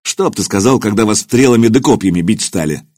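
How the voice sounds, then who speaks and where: A man's voice: lowish voice, expressive, brisk, darkish tone, dry recording, studio quality. A man voicing a stern, commanding young prince warrior in an audiobook, speaking curtly. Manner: curt, commanding.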